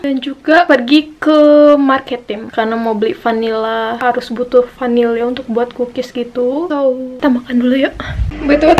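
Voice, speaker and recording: High-voiced young woman vlogging in her kitchen. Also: muffled recording. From Indonesia. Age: early 20s. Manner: chatty, addresses viewers as guys. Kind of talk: casual vlog chat. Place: small apartment kitchen, indoors. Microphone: handheld camera at arm's length.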